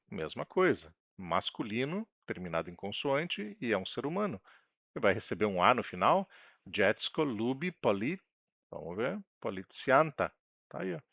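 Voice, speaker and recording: A man from Brazil teaching a language lesson, explaining step by step, asking and answering his own questions, and reading example phrases slowly. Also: mid-range voice, vocal fry, dry recording. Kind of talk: screen-share language lesson. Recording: dry, tinny phone-like sound.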